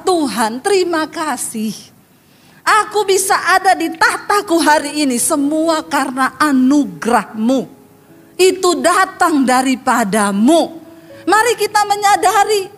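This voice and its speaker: A middle-aged woman pastor preaching a sermon in a blunt, scolding way, mocking people with quick impressions. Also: very high voice.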